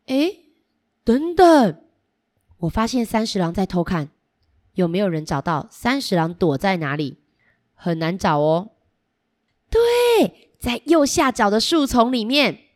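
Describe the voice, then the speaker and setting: A woman storyteller reading a picture book to small children in an animated way, coaxing them with questions. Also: medium pitch, measured pace.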